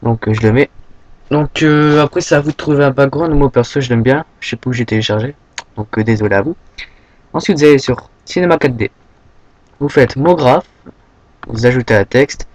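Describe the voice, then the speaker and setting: A young man from France giving a casual, rambling software tutorial, full of fillers and a habit of saying "hop" as he clicks. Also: mid-range voice, normal speed, long pauses, rough recording. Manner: rambling, filler-heavy, says "hop" often. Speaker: tutorial maker.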